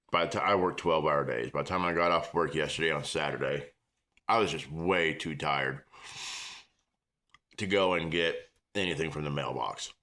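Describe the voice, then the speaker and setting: Casual American male reviewer, low register, rambling small-town chat. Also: sharp tone. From small-town United States. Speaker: product reviewer.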